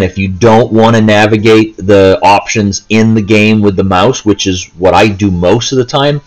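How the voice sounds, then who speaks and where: A gaming video host with a lowish voice talks through gameplay casually and without a script, rambling hesitantly and often breaking off mid-thought. He sits indoors holding a handheld console, and the recording is rough.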